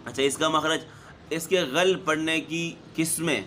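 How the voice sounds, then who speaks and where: A middle-aged man teaching Quran recitation, explaining steadily and then sounding out single letters loudly again and again. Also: a little high, fairly even intonation, a little hiss or hum. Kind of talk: spoken Quran pronunciation lesson.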